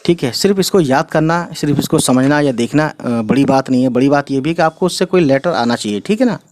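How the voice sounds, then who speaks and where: A man's voice: fairly high pitch, fast, darkish tone. A man patiently teaching Urdu letters step by step in an explanatory lesson, often checking in with the listener.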